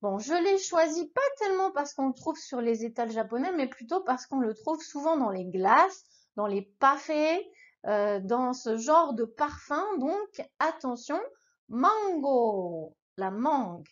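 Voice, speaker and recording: A woman's voice: sits high, lively intonation, measured pace, dull audio. A woman teaching a beginner language lesson, patiently leading repeat-after-me drills and cheering the listener on. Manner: patient, encouraging, addresses the listener informally.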